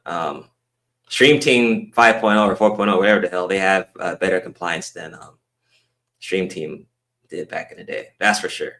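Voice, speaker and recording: Deep-voiced laid-back male stream host. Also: moderate pace, sharp tone. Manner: laid-back, many "um" fillers. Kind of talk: casual live-stream chat.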